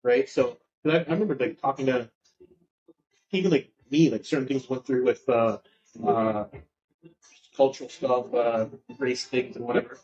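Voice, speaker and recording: A male podcast host chats loosely, circling his point with fillers and restarts. His voice sits at an ordinary middle pitch, and the recording sounds muffled and lo-fi. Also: moderate pace, darkish tone. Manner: rambling, full of fillers. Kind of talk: casual podcast conversation.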